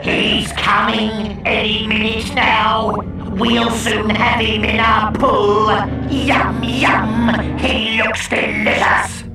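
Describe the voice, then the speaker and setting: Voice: medium pitch, level tone, drawn-out words, few pauses, very echoey, far from the mic, over loud music, voice pushed up, rough recording. A storyteller voicing a gang of nasty, hungry little red droids who gloat greedily.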